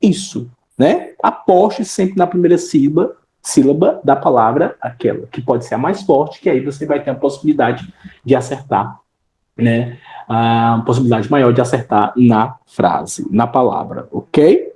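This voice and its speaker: A woman's voice: rumbling low, measured pace, mellow, reverberant, rough recording. A woman teaching an English class online with a Brazilian accent, explaining in Portuguese and checking in with frequent tag questions.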